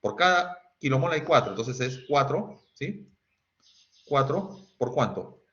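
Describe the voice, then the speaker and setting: A man's voice: mid-range voice, animated, a little slow, a bit bright. Man teaching online, quizzes students, dull lo-fi sound. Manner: quizzing students, asking "¿sí?" often, sings snatches. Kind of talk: online chemistry class.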